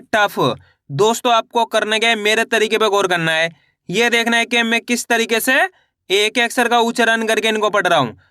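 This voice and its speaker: Male teacher, bright and crisp, patient call-and-repeat drilling, close dry mic. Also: high-pitched, dry recording. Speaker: Hindi reading teacher. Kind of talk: online lesson, sounding out letters.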